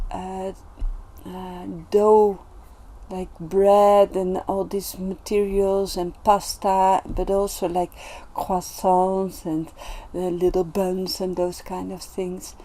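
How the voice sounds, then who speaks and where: A woman shares personal reflections in an unhurried vlog monologue. Her voice is mellow and soft-toned, her delivery gentle and earnest, with frequent pauses and restarts as she gathers her thoughts. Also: mid-range voice, steady tone, slight background noise. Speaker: self-development vlogger.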